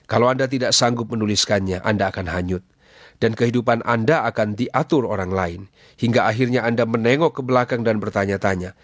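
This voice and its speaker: A man's voice: mid-range voice, no room sound, clean studio sound. A man preaching a radio sermon, earnest and exhorting, asking his listeners question after question.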